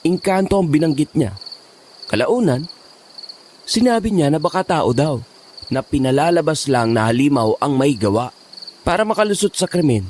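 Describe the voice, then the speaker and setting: A man's voice: fairly high pitch, expressive, moderate pace, pauses often, a little mellow, slight background noise, lightly acted. An actor playing an earnest, polite young man in a horror audio drama. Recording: crickets and night ambience behind.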